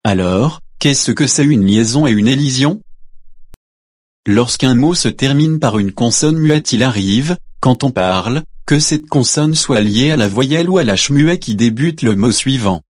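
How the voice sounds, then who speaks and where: A man teaching French pronunciation in a slow, deliberate way, sounding out each vowel and giving examples. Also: medium pitch, expressive, a little mellow, slightly rough, dry recording, clean studio sound.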